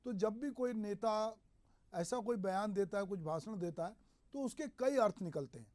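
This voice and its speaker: A man hosting a news show, giving measured, explanatory commentary on politics. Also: sits high, a little mellow. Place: regional news studio.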